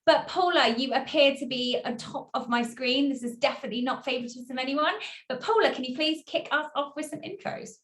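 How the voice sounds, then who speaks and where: A woman's voice: sits high, a little fast, a bit bright, roomy sound. A woman hosting an online panel discussion on a video call, chatty and upbeat. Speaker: panel host.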